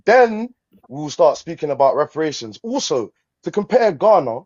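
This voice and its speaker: A man's voice: on the high side, big pitch swings, normal speed, darkish tone, muffled recording. A man making a blunt, emphatic case in a live online debate. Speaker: caller. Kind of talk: heated live-stream debate.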